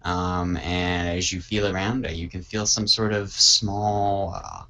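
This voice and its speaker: A man running a tabletop game as game master, talking in halting bursts full of ums and restarts. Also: deep voice, steady tone, bright, forceful tone.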